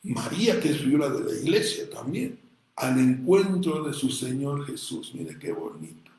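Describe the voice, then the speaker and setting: A man preaching a sermon as pastor, speaking Spanish with a Mexican accent, swinging between loud bursts and soft asides and often calling listeners "brother". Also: mid-range voice, sing-song, normal speed, reverberant, rough recording. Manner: addresses listeners as "hermano". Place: church.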